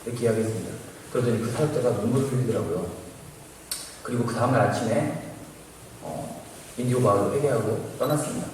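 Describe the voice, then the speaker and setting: A man's voice: medium pitch, fast, long pauses, a little hiss or hum. A young man, an apprentice missionary, giving a church testimony and acting out the voices of the people in his story. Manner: animated storytelling, acting out quoted speech. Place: large church sanctuary. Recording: echoey church hall from far off.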